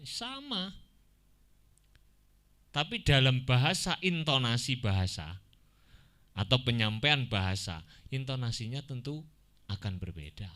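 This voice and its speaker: Slow, bright-voiced religious teacher. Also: male voice, mid-range voice, sing-song. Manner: slow and explanatory, chanting Quranic examples, slipping into Javanese. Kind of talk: Arabic grammar lesson.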